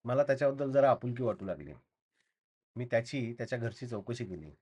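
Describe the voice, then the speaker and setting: A man reading a short story aloud in a calm, steady first-person narration. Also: medium pitch, a little fast, breathy edge.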